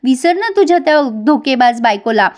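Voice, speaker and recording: Lady doing a whiny spoiled girl, clingy and jealous, high and shrill. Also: expressive, brisk. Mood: coaxing. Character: spoiled pushy young woman, clingy and jealous.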